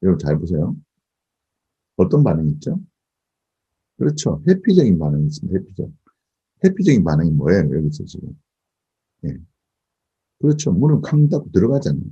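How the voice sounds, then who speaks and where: A male lecturer giving a class, asking the audience rhetorical questions and often affirming with a quick "yes". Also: deep voice, sing-song, mellow, breathy edge, highs cut off. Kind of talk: recorded lecture.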